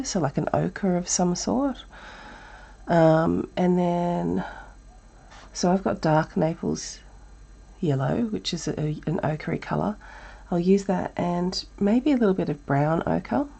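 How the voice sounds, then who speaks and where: A woman art teacher with an Australian accent thinks aloud while running a casual live drawing class. Her lowish voice is breathy and croaky from a chest cold, and the recording sounds muffled.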